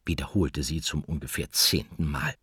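Husky-voiced male storyteller. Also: extremely low pitch, fairly even intonation, normal speed, fairly bright tone, dry recording, studio quality. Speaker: audiobook narrator. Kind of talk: scripted narration for children.

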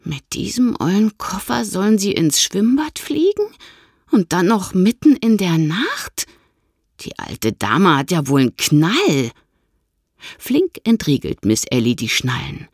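Narrator: woman, low husky voice, slow expressive children's audiobook reading, dry close recording. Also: no room sound. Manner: expressive storytelling.

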